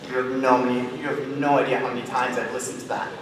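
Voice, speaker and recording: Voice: medium pitch, flat delivery, rapid-fire, background noise, close to an everyday voice. A student actor playing a wistful, chatty male theatre fan who narrates in wry, rambling asides on a school stage. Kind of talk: school stage musical performance. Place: high school auditorium stage. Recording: echoey hall taped from far off with audience.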